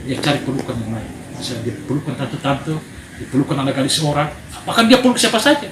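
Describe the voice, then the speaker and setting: A man's voice: mid-range voice, fast talker. A man preaching a sermon, telling stories with energy and calling for amens. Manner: animated storytelling, calls for amen. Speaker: preacher at a men's gathering. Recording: echoey room with background noise.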